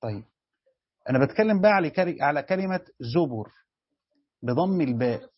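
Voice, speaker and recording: A husky-voiced Egyptian man teaching as a sheikh, somewhat high for a man and questioning his class as he goes. He repeats key phrases to drive them home. The sound is dry and a little dull, like a lo-fi lesson recording. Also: expressive, fast talker, no echo. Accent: Egyptian Arabic. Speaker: sheikh teaching Quran commentary.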